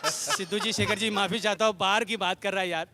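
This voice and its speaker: A man's voice: sits high, fairly even intonation, fairly quick, very noisy. A male ventriloquist comedian on stage, coaxing and scolding his puppet like a naughty child.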